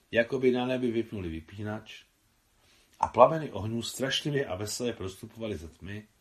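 A man reading his own translation of a novel aloud in a measured, unhurried audiobook narration. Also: lowish voice.

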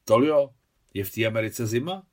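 A man's voice: mid-range voice, lively intonation, a little mellow, close to an everyday voice. A man voicing a fussy, good-natured older aunt in an audiobook, homely and a little fearful.

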